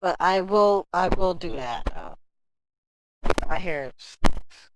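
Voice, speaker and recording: Lively woman streamer, profane rant. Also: on the low side, slow pace, slight background noise, poor audio. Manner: animated, profane ranting; talks straight to chat. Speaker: livestreamer. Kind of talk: casual livestream chat.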